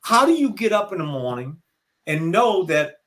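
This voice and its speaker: An older man with a Southern US accent chats as an interview guest, pitched a little high for a man. He rambles in a folksy, opinionated way. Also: sing-song, moderate pace, fairly bright tone. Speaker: guest speaker. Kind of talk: casual interview chat.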